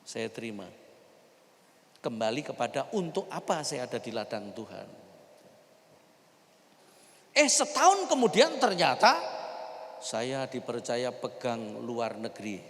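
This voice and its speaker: A middle-aged male pastor, preaching a sermon in a church and telling his stories in an animated way. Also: mid-range voice, measured pace, creaky. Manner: animated storyteller, plays out voices in his anecdotes. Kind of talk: sermon with personal storytelling. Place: church during an Easter service. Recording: church hall reverb, faint background noise.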